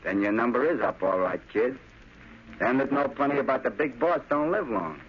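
Muffled vintage radio crime drama: surly American henchman, curt, slangy, threatening, mid-pitched. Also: lively intonation, moderate pace, husky. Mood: menacing. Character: tough, menacing male gangster henchman, slangy and surly. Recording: dull, noisy old radio recording.

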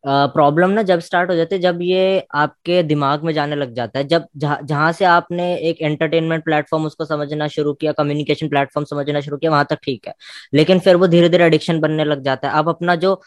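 A man hosting a podcast in a casual discussion, agreeable and quick to affirm. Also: a little high, fairly even intonation, no echo, clean studio sound. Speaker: podcast host.

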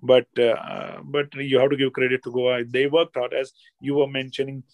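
A man with an Indian accent giving casual football analysis as a guest pundit, halting and repeating himself, often saying "you know". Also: medium pitch, little pitch movement, darkish tone, no echo. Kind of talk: casual sports analysis chat.

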